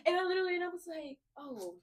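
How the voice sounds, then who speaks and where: A woman, co-hosting a casual faith podcast, telling stories fast and animatedly with frequent laughs. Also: high voice, expressive, a loud crowd. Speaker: podcast co-host.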